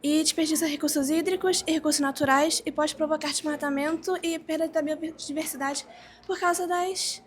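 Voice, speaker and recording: High-voiced teen girl presenting facts. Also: steady tone. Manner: hesitant, with pauses and fillers. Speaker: student presenter. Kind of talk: classroom presentation.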